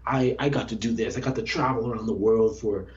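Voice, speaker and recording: Earnest young man, low voice, lo-fi. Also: a little fast, a little hiss or hum. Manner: earnest, reflective storytelling with restarts. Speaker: former Olympic track athlete, guest. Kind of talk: casual interview conversation. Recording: dull lo-fi sound.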